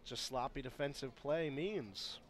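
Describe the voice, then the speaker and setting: A man offers analysis during a live baseball broadcast. His pitch is average, and his delivery is conversational and a bit halting, as if working out each thought. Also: slight background noise. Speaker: baseball color commentator. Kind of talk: conversational live sports commentary.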